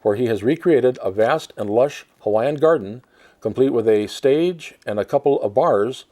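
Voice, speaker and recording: A male talk show host reads a profile aloud at a middle pitch. He often breaks off into chatty asides and laughs between lines. His voice is plain and even. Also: moderate pace.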